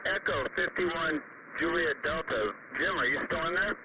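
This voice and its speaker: A man's voice: on the high side, normal speed. A man working as a radio net controller, casually reading out call signs and handing over turns on two-way radio. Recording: distant, noisy radio audio.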